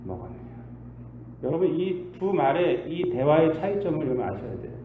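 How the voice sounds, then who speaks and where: Animated male pastor preaching in echo. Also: a little high, fairly quick, narrow, tinny audio. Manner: rhetorical questions, sudden loud bursts then quiet asides. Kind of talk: sermon. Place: church sanctuary. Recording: echoey church hall with faint hiss.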